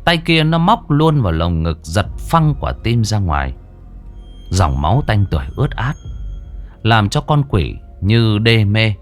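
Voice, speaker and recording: A man's voice: fairly low pitch, very animated, measured pace, soft background music. A man narrating a horror story with dramatic expression.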